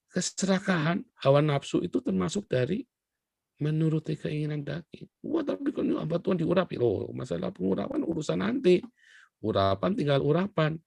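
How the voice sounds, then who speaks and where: A man preaching a sermon as a pastor, lively and blunt with folksy humor, sometimes voicing short exchanges with God. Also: a little high, vocal fry, breathy edge, no echo, studio quality.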